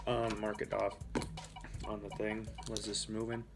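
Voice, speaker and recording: A man's voice: on the low side, completely flat delivery, unhurried, loud music behind the voice. Young man rambling through sports predictions. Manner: rambling, with fillers and self-corrections. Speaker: host. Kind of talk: casual sports talk monologue.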